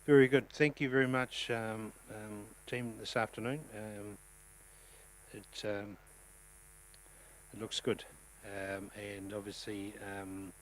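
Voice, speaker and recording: A man who chairs a local council meeting as mayor. He has a New Zealand accent, talks in a relaxed way with many ums, and speaks up when he calls the votes. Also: on the low side, takes it slowly, low-quality recording.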